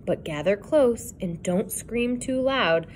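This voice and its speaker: Gravelly old sea captain as a woman puts him on, gruff, slow, ominous, storybook read-aloud, faint rumble behind. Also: lively intonation.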